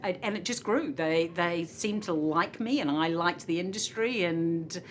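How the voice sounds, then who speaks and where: A middle-aged woman with a New Zealand accent talks casually as a hotel executive guest in an interview. Her voice sits a little low, and she laughs often, scattering uhs between her thoughts. A faint rumble runs underneath. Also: a little slow. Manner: chatty, laughs often, many filler uhs.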